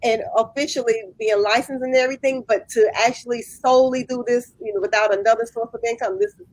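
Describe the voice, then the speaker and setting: A woman's voice: a little high, fast talker, no echo, poor audio. A woman in her late fifties, a guest business owner, earnestly explaining her craft step by step in a casual interview. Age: 50s.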